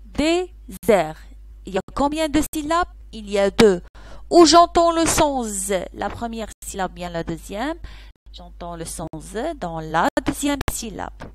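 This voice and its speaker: A woman teaching young children a lesson, who repeats each word slowly and keeps asking whether they follow. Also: mid-range voice, lively intonation, no echo. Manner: slow, repeats words, asks "d'accord?" often.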